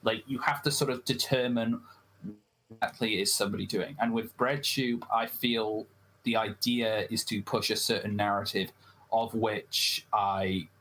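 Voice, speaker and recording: Hesitant low-voiced man in a debate. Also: fairly even intonation, a bit bright. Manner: hesitant, restarts phrases, measured. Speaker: debate guest. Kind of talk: casual debate on a livestream.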